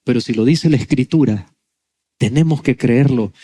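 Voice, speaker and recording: A male pastor giving a sermon, telling a story with lively acted-out dialogue. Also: mid-range voice, moderate pace, slightly rough. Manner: animated storytelling, acts out dialogue.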